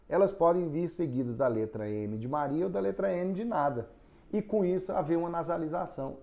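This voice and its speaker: A man with a dark-toned voice on the high side leads a recorded phonetics lesson step by step. He poses questions and answers them himself, stretching out syllables to demonstrate stress.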